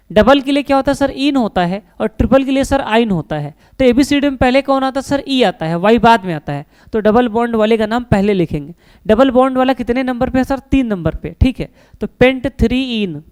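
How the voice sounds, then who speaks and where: A man's voice: very high-pitched, a little mellow, clear, resonant tone. A male teacher giving an online chemistry lesson. He asks his own questions and answers them, and often calls the students his children.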